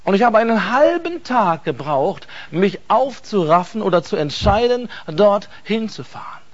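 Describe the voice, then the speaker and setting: A man's voice: sits high, big pitch swings, measured pace. A man telling an earnest personal testimony in an intense, emphatic way, repeating words for stress. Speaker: speaker giving a personal testimony. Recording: dull lo-fi recording.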